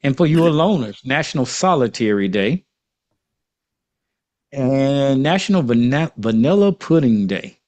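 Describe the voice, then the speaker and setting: A man's voice: mid-range voice, lively intonation, unhurried, a little mellow. A man with an Arkansas accent, chatting casually as the host of a panel talk.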